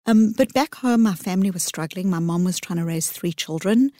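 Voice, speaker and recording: A middle-aged woman speaks in a lowish, earnest voice, answering interview questions with measured phrasing and thoughtful pauses. The sound is dry and close, with no room around it. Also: dark tone, dry recording. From South Africa. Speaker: psychologist guest.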